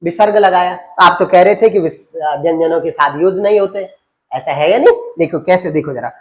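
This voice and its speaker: A man's voice: high voice, a little fast. Male grammar teacher, classroom lesson, asks and answers his own questions, repeats terms. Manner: rhetorical questions, repeats key terms for students; addresses students as beta and babu.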